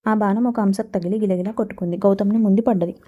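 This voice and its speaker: A woman's voice: mid-range voice, fairly even intonation, quick pace, narrow, tinny audio. A woman explaining a school textbook lesson, asking questions and answering them herself. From Telangana. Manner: asks and answers her own questions. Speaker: teacher.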